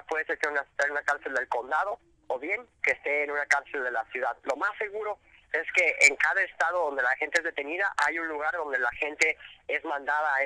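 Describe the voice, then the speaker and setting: A man with a fairly high, bright, forceful voice answers radio interview questions about immigrant detention, and the recording is dry but low in quality. Speaking as an immigration rights guest, he explains things step by step, halting often with fillers and restarts.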